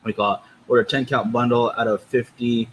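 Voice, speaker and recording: A man's voice: mid-range voice, fairly even intonation, a little fast, a little hiss or hum, low-quality recording. A man co-hosting a podcast, talking in a casual, conversational review style. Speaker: podcast co-host. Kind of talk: casual cigar review chat.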